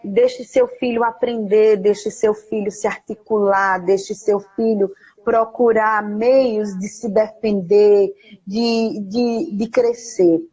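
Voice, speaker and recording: Husky woman on a dull live stream. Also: medium pitch, steady tone, mellow. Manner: earnest, encouraging, quotes scripture slowly. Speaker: invited guest speaker. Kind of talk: casual live chat with teaching tips. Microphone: phone or laptop on a live video call.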